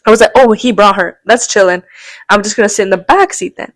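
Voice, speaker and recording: Fast and mid-range, the voice belongs to a young adult woman co-hosting a podcast, heard with no room sound. She tells an animated, rambling story, acts out the quotes, and laughs often in casual chat.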